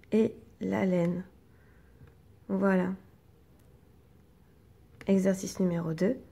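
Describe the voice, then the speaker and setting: Slow, patient teacher, gravelly voice. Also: female voice, mid-range voice, warm tone. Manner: slow, patient, clearly sounding out syllables. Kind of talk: reading lesson for young children.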